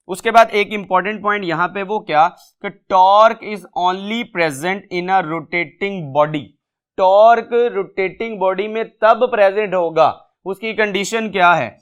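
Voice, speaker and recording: A man's voice: high-pitched, fairly bright tone. A man teaching a physics entry test lecture, who asks the students questions and then answers them himself.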